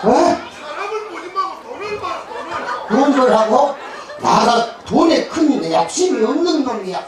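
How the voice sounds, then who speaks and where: A high-voiced man with a broad Jeolla accent works an outdoor festival crowd as a pumba clown, heckling and joking crudely while laughing between jabs. His voice rings out through loud, echoing speakers. It is caught from a distance over the chatter of a big crowd. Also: very animated, takes it slowly. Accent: Jeolla Korean. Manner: crude, teasing, laughs through his lines, bursts into shouts. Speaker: pumba street performer and emcee. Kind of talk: bawdy comic stage banter with the crowd. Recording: echoey loudspeaker sound, filmed from far off, crowd noise.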